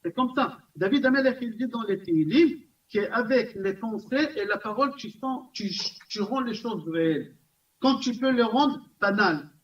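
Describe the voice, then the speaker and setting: A man, a rabbi, teaching a class in an animated way, repeating himself and asking his listeners questions. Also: sits high, moderate pace. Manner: animated, repetitive, asks the audience questions. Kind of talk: recorded Torah class lecture. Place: community center classroom. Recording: distant, dull lo-fi room recording.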